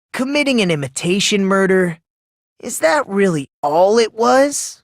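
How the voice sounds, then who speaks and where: In a pensive mood, an actor plays a polite yet self-loathing and eerily excitable teenage boy from an English video game, speaking softly with bursts of breathless gushing. The medium-pitched delivery is recorded dry, at studio quality.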